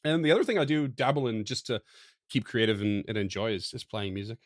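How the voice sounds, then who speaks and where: A man's voice: fairly low pitch, expressive, quick pace, dry recording, studio quality. A man co-hosting a podcast, talking casually with many fillers and restarts, laughing often. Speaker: podcast co-host. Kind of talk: casual chat.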